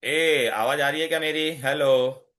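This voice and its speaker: A man's voice: on the high side, steady tone, racing, a bit bright. A man with an Indian accent teaching an online lesson, insistently asking questions and switching between English and Hindi. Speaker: chemistry teacher.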